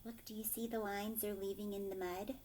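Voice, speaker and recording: A teacher reads a picture book to young children, drawing out words and using hushed asides with questions for the kids, in an expressive reading. Her mid-range voice holds a level tone at a fairly quick pace. Slight background noise can be heard.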